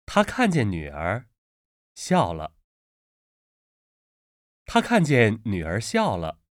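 A man with a lowish, wildly swooping voice reads drill words and sentences slowly for a Mandarin pronunciation lesson, enunciating each one carefully. It's a deliberate textbook-style recording with clean studio sound and no room echo.

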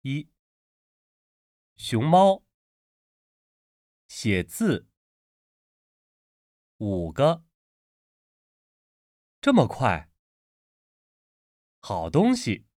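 Very slow, measured male reader. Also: medium pitch, wildly swooping pitch, a little mellow, no echo, clean studio sound. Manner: carefully enunciated drill words. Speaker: Mandarin pronunciation lesson reader. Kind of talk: slow, deliberate textbook recording.

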